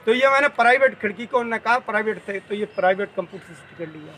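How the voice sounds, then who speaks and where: High, bright-voiced older man complaining. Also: animated, fast talker. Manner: insistent complaining, rhetorical questions. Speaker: interviewee. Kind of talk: street interview.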